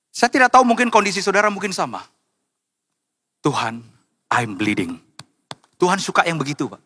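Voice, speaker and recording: A pastor in church, a man with a high, ringing voice, preaching an emotional sermon. He tells personal stories warmly and climbs into impassioned, tearful cries. His tone stays sharp and forward throughout.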